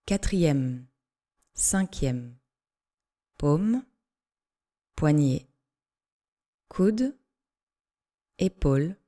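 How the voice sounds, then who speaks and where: A woman yoga instructor guides a relaxation meditation in a low, mellow voice. She gives measured instructions in short phrases, pausing between them.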